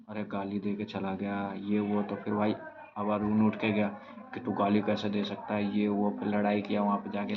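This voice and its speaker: A young man casually recapping a reality show episode in a rambling, halting way, with many restarts and fillers. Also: on the low side, gravelly. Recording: slightly dull, lo-fi recording with faint noise.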